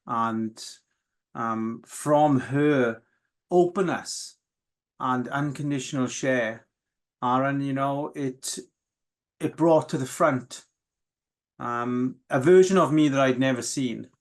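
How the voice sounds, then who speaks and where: This medium-pitched man, raised in the South Wales valleys with Welsh as his first language, gives an emotional, candid interview. He speaks openly and thoughtfully, with many hesitations and restarts.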